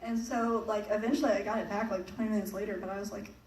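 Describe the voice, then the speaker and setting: A woman's voice: mid-range voice, fairly even intonation, quick pace, darkish tone. A young woman giving a casual, chatty talk to a church audience about her mission trip. She laughs often and leans on fillers. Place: church hall. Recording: echoey hall, picked up from a distance, faint noise.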